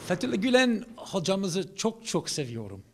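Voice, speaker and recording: A man's voice: high voice, sing-song, normal speed. A man with an English-speaking foreigner's accent talks informally in broken, simple Turkish, using short repeated phrases. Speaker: academic speaker, Islamic studies expert.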